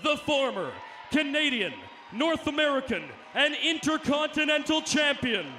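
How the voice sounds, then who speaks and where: Ring announcer guy, high bright voice, big drawn out calls, faint hum behind. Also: expressive, a faint crowd. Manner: booming, drawn-out announcing with bits of Spanish. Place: arena.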